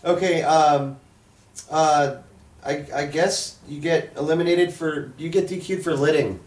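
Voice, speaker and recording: Male wrestling-review co-host, casual and jokey, slightly high voice, roomy off-mic recording. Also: steady tone, unhurried. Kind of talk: casual sports review chat. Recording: roomy, distant microphone.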